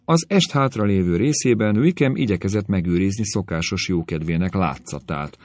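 A man narrating a classic novel as an audiobook, in a measured storytelling manner. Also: low-pitched, a little mellow, no room sound, clean studio sound. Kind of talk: scripted literary narration.

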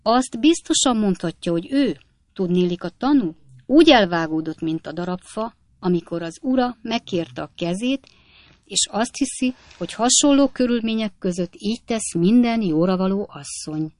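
A woman narrating an audiobook of a classic novel in a lively, expressive storytelling style. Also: medium pitch, dry recording.

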